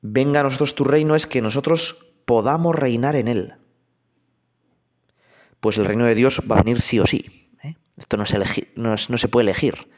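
A priest preaching a conversational sermon, speaking directly to the listener with questions and anecdotes. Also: male voice, medium pitch, normal speed.

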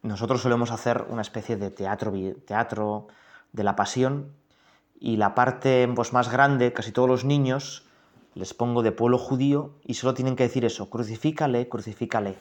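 A man's voice: mid-range voice, fairly even intonation, moderate pace. A man with a Spain Spanish accent leading a guided prayer meditation, reflective and speaking directly to the listener. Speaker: prayer leader.

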